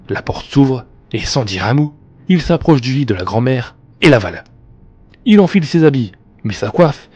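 A man reading classic fairy tales aloud as a storyteller, with expressive, animated narration. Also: mid-range voice, breathy edge, highs cut off. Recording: long reverb, faint background music.

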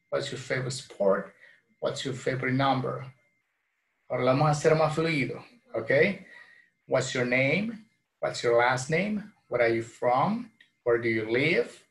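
Salvadoran guy, 30s, spanish accent, teaching english from home on a webcam, says things slow then translates to spanish. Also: mid-range voice. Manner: repeats phrases slowly, then translates into Spanish. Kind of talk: bilingual online lesson. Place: small home room, indoors.

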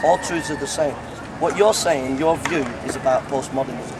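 A man's voice: mid-range voice, normal speed, a crowd in the background. A middle-aged male street preacher in a debate, assertive and repetitive, cutting in to take back the floor. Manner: assertive, keeps cutting in, repeats phrases. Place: outdoor city square. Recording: outdoor recording with street noise.

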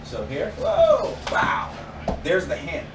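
Teaching martial arts in an indoor garage dojo lined with mats, a man demonstrates moves while talking and throwing in sound effects. His voice is high-pitched with wildly swooping pitch and a slow pace. He's far from the camera mic, so the recording sounds distant and echoey, with loud noise.

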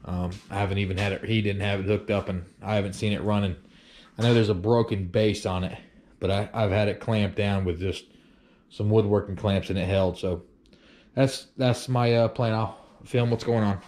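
A man's voice: on the low side, fairly even intonation, normal speed, darkish tone. A man casually talking through a job in his woodworking shop, thinking aloud with fillers and the odd curse. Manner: plainspoken, thinks aloud with fillers and mild cursing. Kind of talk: casual workshop vlog narration.

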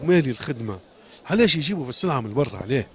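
A shoemaker from Sfax with a Tunisian Arabic accent pours out an impassioned, agitated complaint during a street interview, repeating his questions and pleading. His mid-range, husky voice races along with big swings in pitch.

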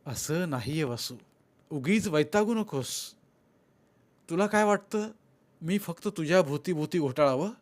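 A man's voice: a little high, animated, measured pace. A man reading an audiobook and voicing a troubled young husband who gives evasive, brooding replies. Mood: irritable. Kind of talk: audiobook character voice.

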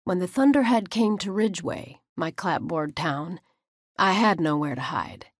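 A woman's voice: lowish voice, measured pace, breathy edge, no echo, clean studio sound. A woman with a drawl, narrating an audiobook in first person in a folksy way.

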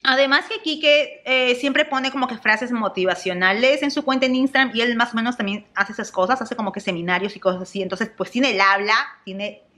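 A woman's voice: a little high, fairly quick, few pauses. Gushing Peruvian woman vlogger. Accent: Peruvian Spanish. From Peru. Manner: gushing and excitable, with English exclamations and giggles. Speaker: celebrity gossip vlogger. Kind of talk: casual gossip vlog commentary.

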